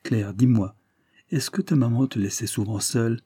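A man with a mid-range, dark, breathy voice reads a short story at a moderate pace, close to his everyday voice. He plays an anxious, jealous middle-aged wife who hesitantly probes a child with questions in a trembling voice. The studio sound is clean, with no room tone.

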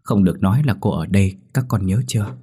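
A man voicing a tearful young mother who speaks softly and tenderly. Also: fairly low pitch, fast talker, husky. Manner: soft, tender.

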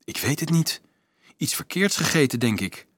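A man's voice: fairly high pitch, very animated, moderate pace, no room sound, pitched above the performer's own voice. A man voicing a cunning, firm teenage boy in an audiobook. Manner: firm, controlled.

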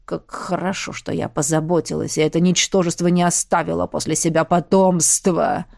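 A woman reading an audiobook, voicing a mad, cruel villainous queen who taunts slowly and savors her words. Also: lowish voice, level tone, gravelly, a little mellow, no echo, clean studio sound, pitched below the performer's own voice. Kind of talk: audiobook character voice.

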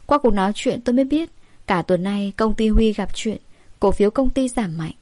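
Female narrator, lively first-person storytelling, close dead-dry mic. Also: mid-range voice, moderate pace, dry recording. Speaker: audiobook narrator.

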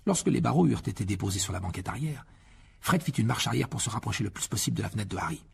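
A man reads a children's novel aloud as an expressive audiobook narrator. His voice is strongly gravelly and husky. His pitch moves in a lively way. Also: racing. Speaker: audiobook reader.

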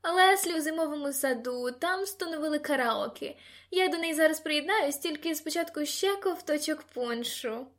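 A woman's voice: high-pitched, expressive, normal speed, pitched above the performer's own voice. A woman doing a giddy, tipsy teenage girl. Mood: excited. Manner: shouting, giddy.

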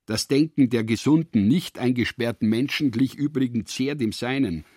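A man narrating a radio drama in a calm, steady reading. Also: mid-range voice, moderate pace, husky, no room sound, studio quality.

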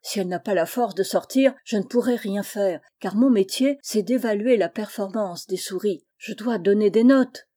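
A woman's voice: mid-range voice, moderate pace, few pauses, mellow, lightly acted. A woman voicing a worried woman whose job is grading laboratory mice, anxious and pleading. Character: worried woman who grades lab mice.

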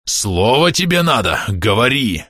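A man reading an audiobook, voicing a brooding, violent man with a hoarse, growling voice. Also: mid-range voice, very animated, measured pace, pushed and bright, no room sound, studio quality, full character voice. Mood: raging. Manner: menacing, growling.

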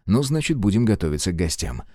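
A man's voice: lowish voice, sing-song, quick pace, darkish tone, no echo, studio quality. A man voicing a tough squad commander who taunts and interrogates a prisoner bluntly. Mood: grim. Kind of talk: audiobook character voice.

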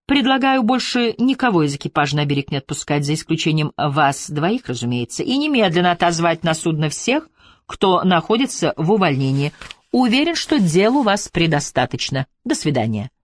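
A man voicing a polite, scheming police officer in an audiobook, falsely courteous and smooth. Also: on the high side, big pitch swings, moderate pace, no echo.

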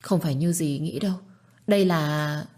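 A woman's voice: low voice, normal speed, darkish tone. A woman voicing a timid young village woman who pleads and begs. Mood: pleading. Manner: pleading, tearful begging.

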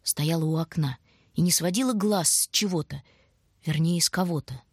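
A woman narrating a story in an even, measured reading. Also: low-pitched, slightly rough, no echo, studio quality. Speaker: audiobook narrator. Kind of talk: scripted narration.

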